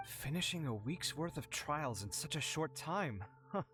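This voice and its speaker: Earnest young architect. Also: male voice, fairly high pitch, lively intonation, measured pace, loud music behind the voice.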